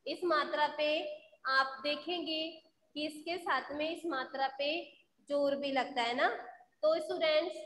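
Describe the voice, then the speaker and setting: A woman teaching a school phonics class online, asking her students questions and answering them herself, and slowly sounding out syllables. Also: sits high, fairly bright tone. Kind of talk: online Hindi phonics lesson. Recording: echoey room with faint background noise.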